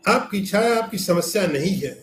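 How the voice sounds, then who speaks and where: A man's voice: high-pitched, expressive, normal speed, a bit bright, roomy sound, slight background noise. A man giving a scriptural lecture as a spiritual teacher, explaining with everyday examples and asking rhetorical questions.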